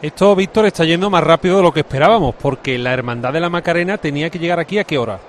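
A man anchors a live broadcast, his voice sitting a little high. He moves things along briskly, asking questions and passing the word to his colleagues. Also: slight background noise. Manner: brisk anchor handing over to reporters. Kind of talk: live event commentary.

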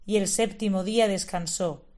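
A woman reading scripture and a spiritual text at a prayer service, steady and measured. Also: mid-range voice. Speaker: lector.

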